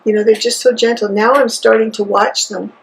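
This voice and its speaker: Gravelly woman co-hosting a knitting podcast. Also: on the high side, steady tone, brisk, poor audio. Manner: friendly, gravelly, fond storytelling. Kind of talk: casual podcast chat.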